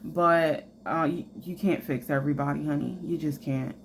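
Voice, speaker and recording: A woman gives a casual tarot reading in a chatty, frank voice, full of fillers and asides. Her voice sits on the low side. A faint background noise runs under her speech. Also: fairly even intonation, moderate pace. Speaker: tarot reader.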